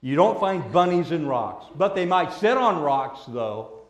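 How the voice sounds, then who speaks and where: A man preaching a children's sermon as a pastor, gentle and patient like a Sunday school teacher, using simple words and questions. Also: a little high, big pitch swings, a little slow. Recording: echoey room.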